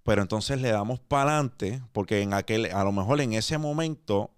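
A podcast host with a Puerto Rican accent conducts a casual interview in his studio, laid-back and slangy, slipping English words into his Spanish. His voice is on the low side at a moderate pace, and the recording is smooth, echo-free and studio quality.

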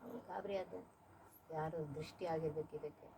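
A woman's voice: low-pitched, fairly even intonation, normal speed, gravelly, background noise. A woman singing devotional verses and explaining them in plain everyday speech as a teacher.

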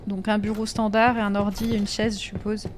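A woman's voice: mid-range voice, level tone, brisk, slight background noise. A woman chatting during a live gameplay stream, reacting to viewers' messages and sometimes slipping into English with a French accent.

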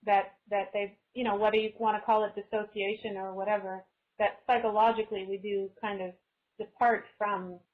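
A woman from Canada, there as a guest author, speaks at normal speed in a flat, mid-range voice during a casual, thoughtful webinar. She tends to restart her sentences mid-thought, and the video-call recording is a bit dull and lo-fi.

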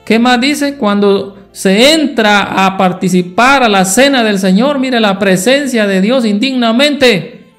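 A man's voice: high voice, unhurried, fairly bright tone, faint music behind. A man preaching a Sunday school sermon, asking the congregation rhetorical questions.

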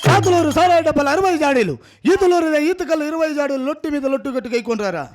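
A man's voice: extremely high pitch, fast. A man acting a boastful, bossy Nawab in a folk stage drama, chanting and singing his lines. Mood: demanding chant. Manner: chanting and singing boastful verses, bellowing orders. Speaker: stage actor. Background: music.

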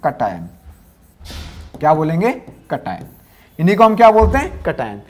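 This male science teacher has a darkish tone and huge pitch swings, moving at a moderate pace. In his classroom lesson he shoots out quiz questions, answers them in a lower voice, and repeats key terms drill-style.

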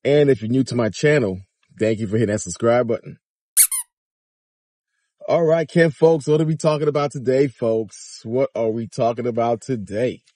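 This is a Miami, Florida vlogger in his fifties, talking to viewers from inside a car in a casual commentary video. He's animated and chatty, addressing the audience directly, in a mid-range voice at a moderate pace with no echo. The recording comes from a phone or dash camera at arm's length.

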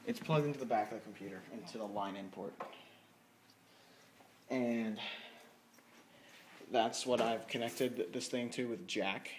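A man with a lowish voice talks unhurriedly, leaving long pauses, as he gives an informal tour of his home studio and jokes about himself. The handheld camera or phone mic adds a little hiss or hum. He's in a dim room at his home computer, with music playing in the background.

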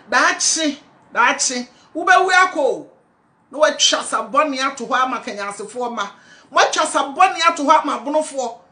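Scolding older Ghanaian woman, high and bright. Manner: scolding, preachy and pleading. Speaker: party supporter. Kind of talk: impassioned address to camera. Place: indoor room at home. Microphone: phone camera close up.

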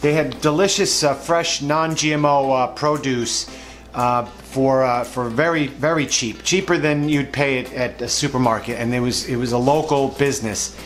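A vlog host talks casually and unscripted about supermarket flyers, his mid-range voice steady and moderately paced but rambling and hesitant, full of "uh" fillers. He does a voice-over for overhead shots at an indoor table, with music playing under his voice.

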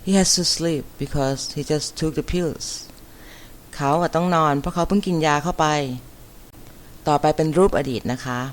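A woman teaching an English vocabulary lesson, repeating each word and spelling it out letter by letter with careful, deliberate enunciation. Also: sits low, slight background noise. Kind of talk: slow vocabulary lesson, spelling words aloud.

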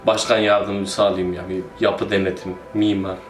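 A man's voice: low-pitched, little pitch movement, normal speed, soft background music. A man giving casual, joking commentary while playing a city-building game and talking to himself. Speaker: gaming YouTuber. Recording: roomy echo.

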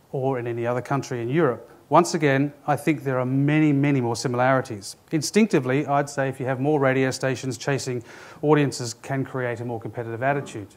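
A man delivers a conference presentation in an even, middle-pitched voice. He is measured and explanatory and speaks directly to the audience. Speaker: conference speaker, former radio executive.

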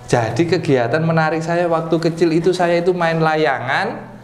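A man, a PE teacher chatting as a guest in a relaxed, joking way. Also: on the high side. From East Java, Indonesia. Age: 30s. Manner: relaxed and joking, with pauses to recall. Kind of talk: casual interview chat. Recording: roomy echo, faint ambient noise.

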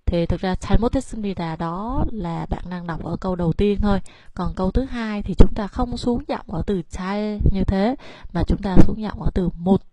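A woman's voice: medium pitch, dark tone, slight background noise. Vietnamese woman teaching Korean intonation. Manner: explains patiently, then reads Korean example words slowly. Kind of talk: spoken lesson on Korean intonation.

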